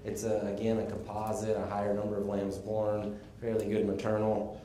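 A man from Texas gives a casual conference presentation, explaining things in a relaxed way with the odd chuckle. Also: lowish voice, moderate pace, a little hiss or hum. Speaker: conference speaker on sheep breeding. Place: conference room. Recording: echoey conference room, faint ambience.

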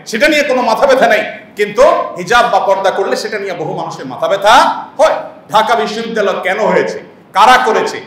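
A man's voice: high-pitched, a bit bright, heavy reverb, far from the mic. A man preaching a sermon with impassioned rhetorical questions and repeated lists. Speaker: Islamic preacher. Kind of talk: sermon-style lecture.

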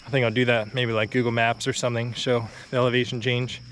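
Quick-paced and mid-range, a young man's voice carries over a little hiss or hum as he vlogs on foot along a quiet rural road. He's slightly winded from the uphill stretch and talks in an easy, chatty way with many fillers and little laughs. A phone or action camera is held out at arm's length.

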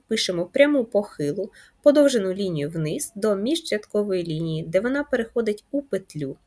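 A woman teaching first graders in a video lesson, speaking slowly and clearly in a sing-song way for young children. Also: on the low side, darkish tone. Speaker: primary school teacher.

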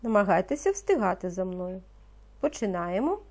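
A woman teaching a reading lesson to young children, speaking slowly and patiently and pronouncing each word with care. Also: medium pitch, big pitch swings, a little mellow, breathy edge. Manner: slow, patient, encouraging, pronounces words carefully. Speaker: primary school teacher.

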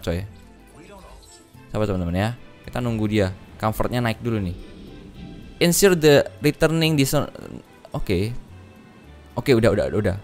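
A man commenting live on a dinosaur park game, excitable and slangy, often shouting in alarm at what happens on screen. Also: medium pitch. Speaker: gaming channel host.

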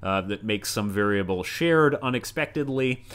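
A man's voice: on the low side, expressive, normal speed, a bit bright, smooth. A male university lecturer giving a recorded lecture, rambling along with many asides and everyday analogies.

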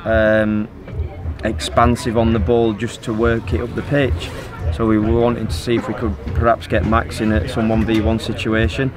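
A middle-aged man, a football manager, answering post-match questions in a measured way, full of fillers, interviewed outdoors on a pitch. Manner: measured, even and level, with frequent fillers. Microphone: handheld phone held by interviewer. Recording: outdoor pitch with crowd noise behind. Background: crowd noise.

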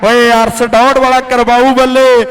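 Frantic, very high-pitched Punjabi male sports commentator. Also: moderate pace, noisy background. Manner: excited, repeats phrases over and over. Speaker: kabaddi tournament commentator and announcer.

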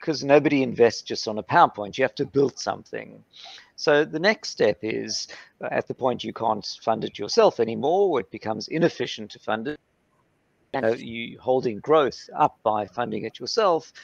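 A middle-aged man on a panel video call, explaining funding stages in a lively way and acting out founder and investor exchanges. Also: medium pitch, moderate pace, gravelly, no echo. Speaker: panelist, startup legal platform founder. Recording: dull, slightly lo-fi video call audio.

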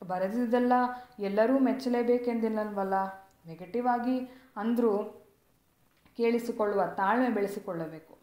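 A woman from southern India narrating a short story in the first person, calm and measured. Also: fairly high pitch, reverberant.

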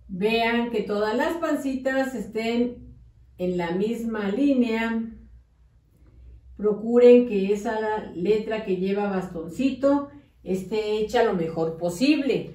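A woman's voice: fairly high pitch, darkish tone. Patient woman teaching young children. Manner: slow, patient, instructive. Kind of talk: primary school lesson for parents and children. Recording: roomy echo, voice from a distance.

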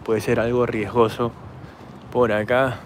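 Walking outdoors through a city park and streets at night, a Peruvian man vlogs casually into a handheld camera, speaking Spanish-accented and hoarse from shouting. His mid-range voice is flat and unhurried as he rambles chattily straight to camera, with slight background noise.

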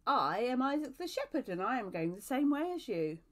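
A calm, direct male shepherd with a slightly raised, friendly voice, as a woman reading a storybook puts him on. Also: high-pitched, a little fast, voice pushed up.

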